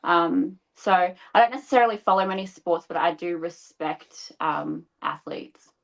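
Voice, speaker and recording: Over a video call, a woman in her thirties from Australia takes part in a casual podcast interview, often laughing and patiently explaining. She speaks at a measured pace in a fairly low, gravelly voice.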